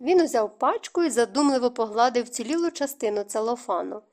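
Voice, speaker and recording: A woman with a fairly high voice reads a novel aloud, sounding like a typical audiobook narrator. Her storytelling is measured and even.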